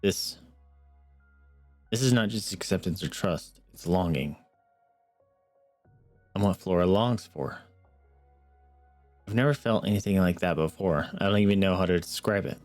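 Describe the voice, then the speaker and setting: Young guy streamer with a low voice reading a visual novel out loud, joking asides, dry mic. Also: unhurried, long pauses, dry recording, faint music behind. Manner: earnest reading with wry asides.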